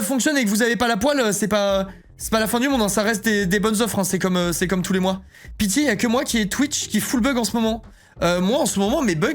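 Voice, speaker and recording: A man streaming live, chatting casually and joking while he reads his chat aloud. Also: high-pitched.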